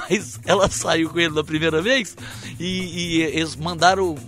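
A man, co-hosting a casual chat and telling stories in an animated way, laughing as he acts out the people in them. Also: on the high side, unhurried, faint music behind. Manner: animated, laughs through his stories, acts out quoted voices.

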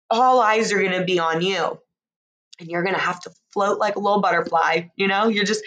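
A woman with a mid-range voice speaks straight to the listener in a casual, intimate motivational style. She lets phrases stretch out with pauses between them. Her manner is reassuring and encouraging throughout. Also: medium pitch, fairly bright tone.

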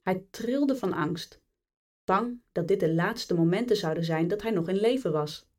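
A woman reading a chapter of a fantasy book aloud as a bedtime story, in a calm and measured way. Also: fairly low pitch, distant mic. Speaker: audiobook reader.

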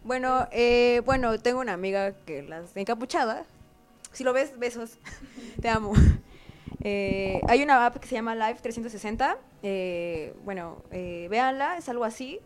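A young woman speaks with a Mexican accent, her voice a touch higher than most. She chats casually and explains things in a hesitant, friendly way. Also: expressive, normal speed, faint music behind. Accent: Mexican Spanish. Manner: chatty, hesitant, explaining tips. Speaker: student co-host. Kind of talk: casual panel chat.

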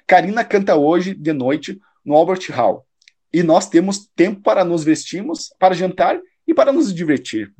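A man playing a shrewd, self-assured detective in a radio drama, analytical, probing and slightly condescending in a measured delivery. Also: high-pitched, animated, a little mellow. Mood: patronizing, analytical.

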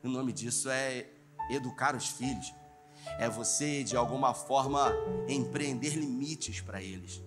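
Male pastor, sermon, dynamic delivery from loud to hushed, music bed behind. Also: mid-range voice, unhurried. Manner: dynamic preaching, swings between loud emphasis and hushed asides.

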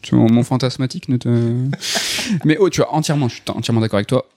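A man hosting a relaxed talk show about games, his voice sitting at an ordinary middle pitch. He talks in a rambling, playful way, stopping to correct himself and filling pauses as he goes. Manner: rambling, with many fillers and self-corrections; playful, laughs easily. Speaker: podcast host presenting a segment. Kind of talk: casual chat about video games.

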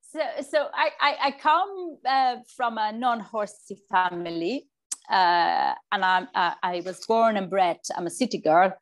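A woman's voice: mid-range voice, expressive, measured pace. A woman in her forties from Spain with a Spanish accent, a riding coach chatting in an interview, often repeating words as she restarts. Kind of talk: casual interview.

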